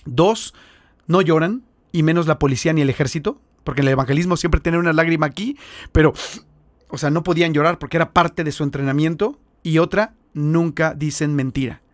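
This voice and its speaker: Mexican-accented male missionary guest, high-pitched, dry close sound, lively storyteller. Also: a little fast, dry recording. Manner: animated, acts out the voices in his stories. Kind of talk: storytelling in an interview.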